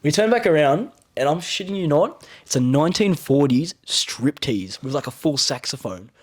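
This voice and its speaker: A man's voice: fairly high pitch, lively intonation, normal speed. A young man, a podcast co-host, telling a story in casual chat and laughing often.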